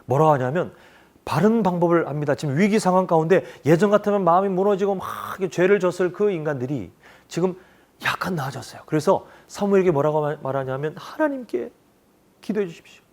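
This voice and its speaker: A man preaching a children's sermon, animated, often asking the children questions. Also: a little high, fast talker. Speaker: children's pastor.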